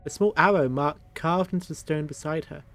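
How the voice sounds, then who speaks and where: A man's voice: on the high side, a little fast, fairly bright tone, faint music behind. Sarcastic male streamer reading game text. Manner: crude, sarcastic asides. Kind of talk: reading game text aloud with casual commentary.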